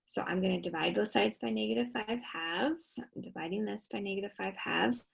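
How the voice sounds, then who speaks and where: A woman's voice: mid-range voice, moderate pace, gravelly, breathy edge, low-quality recording. A woman teaching a recorded math lesson, talking students through each step and answering her own questions. She sounds tired and keeps yawning.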